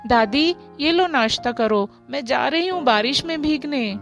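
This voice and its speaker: A woman's voice: high-pitched, expressive, unhurried, soft background music. A woman doing an eager, stubborn young girl. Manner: eager, pleading, bubbly. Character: lively, stubborn teenage girl who loves the rain. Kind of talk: storybook voice acting.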